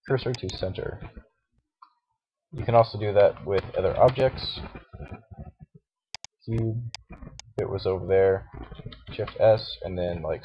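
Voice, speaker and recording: A man with a deep, groggy morning voice talks casually through a screen-recorded tutorial. He hesitates often, with fillers and restarts. His cheap mic sounds dull, with a faint hiss and mouse clicks behind him. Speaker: tutorial host. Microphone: cheap computer microphone.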